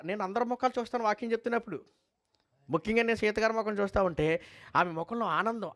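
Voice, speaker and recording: Male preacher, high voice, fervent, quizzes the crowd with rhetorical questions, repeats himself for emphasis. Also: fairly bright tone. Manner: fervent, swings between high and low pitch. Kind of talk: sermon and closing prayer.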